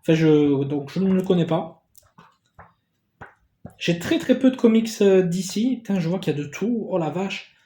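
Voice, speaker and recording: A man in a casual unboxing vlog who gets excitable, swears casually and thanks the sender again and again. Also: high-pitched, normal speed, long pauses, echoey room, a little hiss or hum. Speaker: YouTuber opening a gift parcel.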